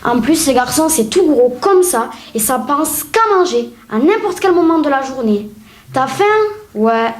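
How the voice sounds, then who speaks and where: A woman doing a sassy high-voiced comic rant. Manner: sassy, mocking complaints. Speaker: acting student at a casting. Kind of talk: comic sketch acting. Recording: echoey room.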